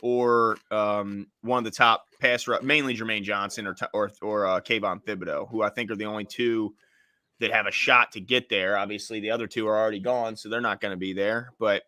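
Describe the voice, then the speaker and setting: Male sports radio co-host, crisp bright tone, dry close sound, easygoing analyst. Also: lowish voice, steady tone, a little fast, no echo. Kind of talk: casual draft-night chat. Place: studio.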